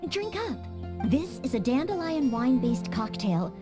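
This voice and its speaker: Voicing a dutiful, earnest young maid who's learning to be a knight in a video game, a woman uses a high, highly animated voice at a slightly slow pace. The delivery is polite, formal and helpful, set against soft game music.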